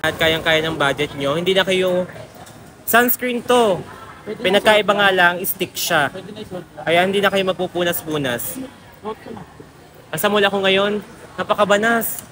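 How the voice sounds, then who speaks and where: High-voiced man pitching a product. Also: normal speed, pauses often. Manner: chatty, upbeat sales pitch to viewers. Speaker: product reviewer. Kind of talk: casual product promo vlog. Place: inside a shopping mall. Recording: noisy mall ambience behind.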